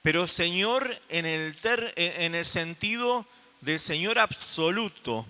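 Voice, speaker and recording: Argentine preacher guy, tense bright voice, keeps asking the church questions, big echoey hall. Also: high voice, lively intonation, slow. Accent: Argentine Spanish. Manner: asks the congregation rhetorical questions. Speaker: pastor. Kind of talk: sermon.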